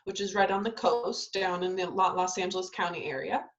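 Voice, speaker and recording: A young adult woman, a ballet dancer born in Italy and raised in Southern California, chats casually in a video-call interview. Her voice is on the low side and fairly quick, the recording is muffled, and she uses lots of ums and restarts.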